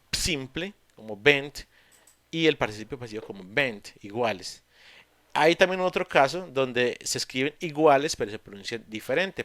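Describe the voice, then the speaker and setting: A man teaching English in an online class, explaining patiently step by step with pauses and fillers. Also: mid-range voice, fairly bright tone, no echo. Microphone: computer mic on a video call.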